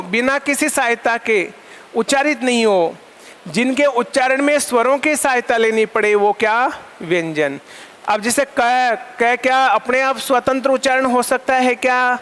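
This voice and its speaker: Guy teaching a sanskrit lesson, really high voice, keeps quizzing the class then answering himself. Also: fairly bright tone. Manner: asks the class questions and answers them himself, repeats terms in lists; dictates definitions slowly for note-taking. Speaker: Sanskrit school lecturer teaching online. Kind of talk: classroom lecture, question and answer drills.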